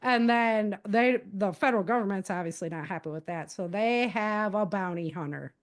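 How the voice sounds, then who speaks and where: Speaking at a normal speed, an American woman at a mid-range female pitch chats through summaries of novels she wrote. Her manner is lively and relaxed, like an author telling stories on a podcast.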